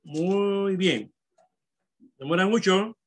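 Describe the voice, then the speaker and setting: A male primary school teacher with a high voice runs an online class very slowly, calling on pupils and patiently spelling words out one syllable at a time.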